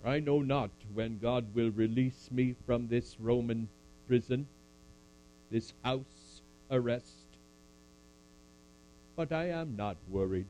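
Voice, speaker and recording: A man's voice: mid-range voice, slow pace, long pauses, warm tone, a little hiss or hum, close to an everyday voice, low-quality recording. A man voicing a puppet of an older apostle who preaches and then answers audience questions with dry jokes. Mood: playful. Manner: preachy, dryly joking, speaks to a crowd. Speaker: puppet performer. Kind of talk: church puppet skit with scripture recitation.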